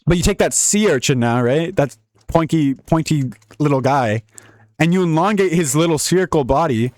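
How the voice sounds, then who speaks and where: Lively, rambling young man. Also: a little high, moderate pace, no echo, clean studio sound. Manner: rambling, jokey, laughs often. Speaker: gaming YouTuber. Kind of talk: casual gameplay commentary.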